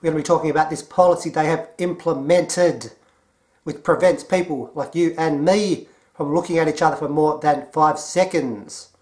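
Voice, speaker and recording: Sarcastic Australian man, rather high voice. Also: normal speed. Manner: mocking, deadpan, emphatic. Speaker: commentary vlogger. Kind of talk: sarcastic commentary.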